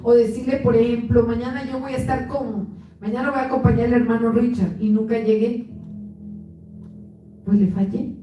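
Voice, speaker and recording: A woman's voice: fairly high pitch, steady tone, moderate pace, pauses often, muffled recording. A woman pastor giving an earnest sermon. She often restarts words and acts out the voices she quotes. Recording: echoey church room, mic at a distance, faint music.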